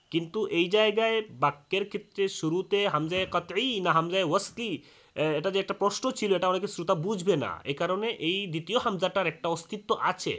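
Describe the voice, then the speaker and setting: A man's voice: high voice, pushed and bright. A man teaching a lesson on Quran recitation rules, explaining step by step with frequent "ah" fillers and restarts.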